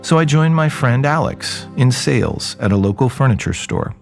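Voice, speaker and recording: This audio drama's narrator and lead, a jaded, rebellious young man, is voiced by an actor whose mid-range voice is animated and creaky with vocal fry, at a moderate pace. Soft music plays underneath his wry, rambling first-person storytelling.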